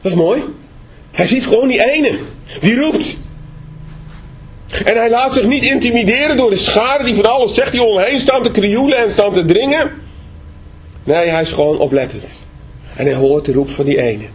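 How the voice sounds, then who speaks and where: A man's voice: high-pitched, lively intonation, moderate pace, pauses often. A man preaching a sermon in a conversational way, often asking the listeners questions. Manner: conversational, asks rhetorical questions.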